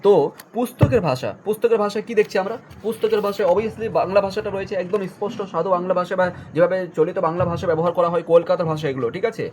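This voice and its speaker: A man's voice: sits high, fairly even intonation, fast talker, a little mellow, a little hiss or hum. A young adult male teacher giving an exam-focused online lesson, explaining a text line by line and checking often that students follow.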